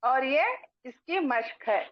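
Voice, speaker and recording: A woman teaching a Quran recitation lesson, drilling syllables slowly and repeating each one twice. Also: high-pitched. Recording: dull lo-fi sound.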